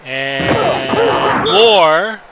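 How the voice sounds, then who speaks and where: A man hosting a stream and giving play-by-play commentary over a sports simulation game. He talks like an announcer and breaks into excited outbursts on big plays. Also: on the high side, drawn-out words, heavy background noise. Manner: announcer-style calls that rise into excited outbursts. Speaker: streamer and host.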